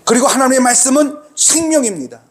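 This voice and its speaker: A man's voice: very high voice, sing-song, fast talker. A male pastor preaching a sermon, emphatic and repeating key phrases for weight.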